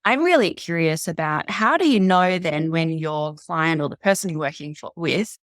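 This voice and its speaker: A woman hosts the interview and asks careful, reflective questions. Her voice is low for a woman. The recording is dry, with no room echo. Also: animated. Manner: thoughtful, measured, reflective. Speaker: podcast host.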